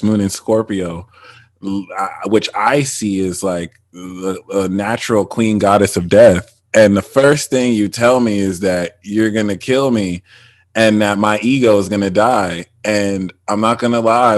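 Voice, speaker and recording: Rambling low-voiced man hosting. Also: dry recording. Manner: rambling, many restarts and fillers. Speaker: podcast host. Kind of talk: casual spiritual chat.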